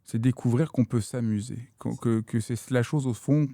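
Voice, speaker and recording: A man hosting a podcast conversation, speaking slowly and thoughtfully. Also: mid-range voice, creaky, mellow, no room sound, studio quality. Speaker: podcast host.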